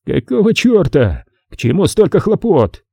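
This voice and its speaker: A man's voice: high-pitched, sing-song, unhurried, gravelly, warm tone, husky, no echo, studio quality, pitched above the performer's own voice, heavily acted. A man reading an audiobook voices a crude, impatient gangster who swears and bellows his lines. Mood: angry. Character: hot-tempered crooked gangster, adult man, crude and impatient.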